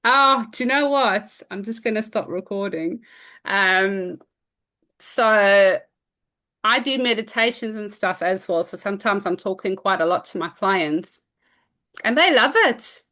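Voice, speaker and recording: Female host, South African accent, relaxed conversational chat. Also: mid-range voice, a little slow. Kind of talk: casual chat.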